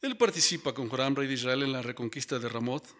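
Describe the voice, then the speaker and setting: A man's voice: medium pitch, quick pace, fairly bright tone. A man preaching a Bible sermon who speaks to his listeners as brothers and keeps tagging his lines with rhetorical questions.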